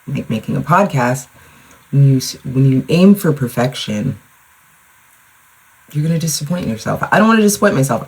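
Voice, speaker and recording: A woman's voice: extremely low pitch, darkish tone, husky, low-quality recording. A young woman, a mother, hosting her own podcast in a rambling, casual solo chat full of "like" and the odd swear word. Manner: chatty, rambling, lots of "like", with swearing. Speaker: podcast host. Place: at home, in front of a mirror.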